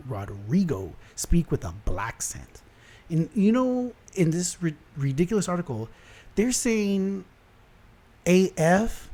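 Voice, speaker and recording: A young man from South Texas hosting a casual commentary show, ranting about online headlines in an animated, exasperated way and often restarting his sentences. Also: a little high. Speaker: host.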